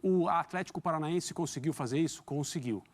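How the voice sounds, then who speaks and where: A man's voice: a little high, fairly quick. A man giving studio football analysis in an articulate, emphatic way, with rhetorical questions. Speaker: football commentator.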